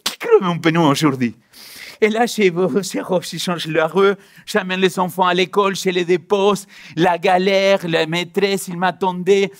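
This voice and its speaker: A man's voice: sits high, fairly even intonation, a little slow, hardly any pauses. A man, a pastor, giving a sermon from a church stage, telling stories and acting out both sides of the scene.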